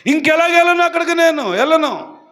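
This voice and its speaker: A man's voice: extremely high pitch, animated, fairly quick, fairly bright tone, voice pushed up. A destitute mother left in the wilderness pleads in a subdued, sinking voice, as a male preacher acts her out in a sermon. She sounds hopeless and worn down. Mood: despairing. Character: destitute weeping mother abandoned in desert.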